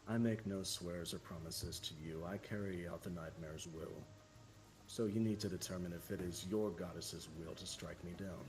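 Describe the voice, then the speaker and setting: A man playing a smug villain in a tabletop game, speaking in a slow, theatrical, menacing way. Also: deep voice, fairly even intonation, darkish tone, lightly acted, poor audio. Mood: cold defiance. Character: smug male villain serving a dark power, coldly taunting. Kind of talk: tabletop role-play.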